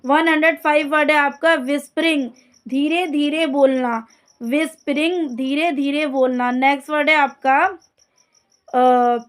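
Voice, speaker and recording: High-voiced woman teaching word lists. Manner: repeats each word and its meaning slowly, addresses students directly. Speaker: English teacher. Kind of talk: vocabulary lesson, reading word lists.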